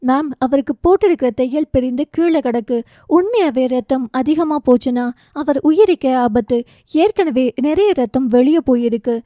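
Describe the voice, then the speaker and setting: An anxious young nurse in an audiobook romance, as a woman narrator voices her, reporting in an urgent rush. The voice sits high and soft-toned, recorded dry. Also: animated, moderate pace, no room sound. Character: worried young female nurse.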